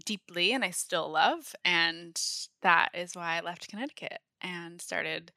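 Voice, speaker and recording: Young woman from Maine, crisp bright voice, lowish register, chatty guest who laughs easily. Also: measured pace, no echo, studio quality. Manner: laughs often, says "like" a lot. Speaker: podcast guest, nutritionist. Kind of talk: casual interview talk.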